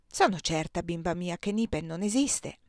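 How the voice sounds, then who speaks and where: A woman reading the lines of a gentle, pious mother in an audiobook. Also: on the low side, animated, normal speed, no room sound, clean studio sound. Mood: tender.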